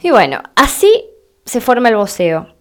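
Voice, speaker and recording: A woman with an Argentine Spanish accent giving a slow, deliberate explanatory lesson, spelling things out for her listeners. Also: a little high, sing-song, a bit bright. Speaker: Spanish teacher.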